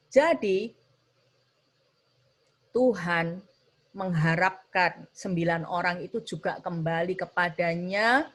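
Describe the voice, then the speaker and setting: A woman teaching a children's church lesson, telling a story with lively, animated delivery and acted-out voices. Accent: Indonesian. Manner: animated, acts out quoted voices with sudden high pitch jumps.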